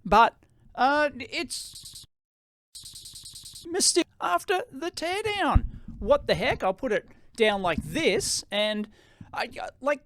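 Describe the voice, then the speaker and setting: An Australian man with a high-pitched voice and rising sentence endings, giving an excitable, casual off-the-cuff gear demo into a close microphone. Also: slow, pauses often, no room sound. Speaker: tech reviewer hosting a gear demo. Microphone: close podcast microphone.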